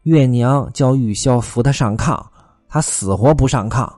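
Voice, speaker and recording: A man narrating a classic tale in traditional storytelling style, lively and with wry asides. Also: mid-range voice, measured pace, dry recording, faint music behind.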